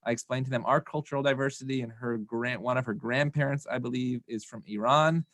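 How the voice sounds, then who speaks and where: A man's voice: medium pitch, fairly even intonation, a little fast, fairly bright tone, no echo, clean studio sound. A man hosting an interview, asking long, rambling questions with fillers. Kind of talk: live online interview.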